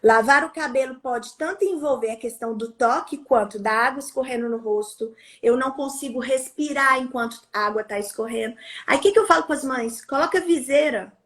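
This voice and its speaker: A woman's voice: fairly high pitch, brisk, hardly any pauses, fairly bright tone. A Brazilian woman occupational therapist in casual conversation, explaining and acting out examples. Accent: Brazilian Portuguese. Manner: demonstrative, acts out examples.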